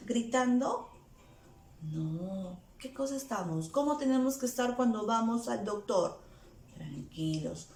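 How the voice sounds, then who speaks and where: Woman teacher coaxing little kids with questions, unhurried delivery, echoey room. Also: fairly high pitch, animated, gravelly, darkish tone, a little hiss or hum. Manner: asks the children questions; playful, acts out sounds. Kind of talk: lesson for small children. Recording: echoey room with faint music.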